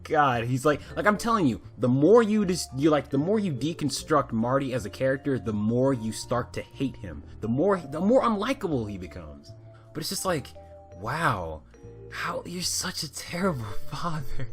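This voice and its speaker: Animated, rambling man ranting about a cartoon. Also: medium pitch, normal speed, soft background music. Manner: rambling, profane, fillers. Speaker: cartoon reviewer. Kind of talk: casual ranting review.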